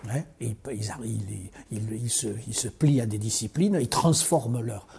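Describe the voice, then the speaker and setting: A man from southern France talks in an interview, his tone dark and mellow. His voice is deeply husky. He speaks reflectively and with animation, often breaking off and restarting his sentences. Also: normal speed. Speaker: interview guest. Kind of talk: conversational interview.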